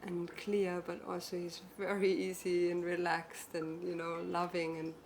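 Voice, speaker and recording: A woman's voice: fairly low pitch, completely flat delivery, measured pace, slight background noise. A female musician guest speaking reflectively in a casual interview, often adding "you know".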